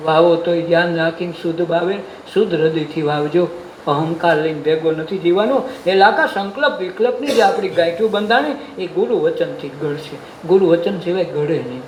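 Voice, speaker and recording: A man's voice: a little high, normal speed. A man with a Gujarati accent giving a devotional sermon, folksy, asking questions and answering them himself. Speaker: satsang preacher. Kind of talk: devotional sermon with sung verses. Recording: echoey room with faint noise.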